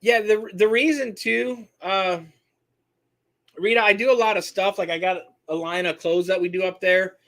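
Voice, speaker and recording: A man's voice: high-pitched, steady tone, moderate pace, a bit bright. A man from Michigan hosting a live-stream Q&A, answering viewers in a rambling, self-correcting way and reading their names from the chat. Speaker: host answering viewer questions.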